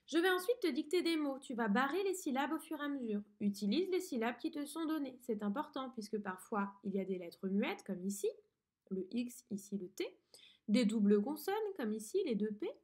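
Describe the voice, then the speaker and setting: A woman teaching a dictation lesson to a young pupil, pronouncing each word slowly and clearly. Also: on the high side, big pitch swings, a little mellow. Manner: slow, clearly articulated teacher talk to a child. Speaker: primary school teacher.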